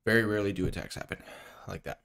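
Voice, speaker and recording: A young man chats casually as co-host of a podcast. His voice sits a little low, and he speaks into a table mic in a small indoor studio. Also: rapid-fire, gravelly, a bit bright. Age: young adult. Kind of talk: casual chat. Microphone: podcast microphone at the table.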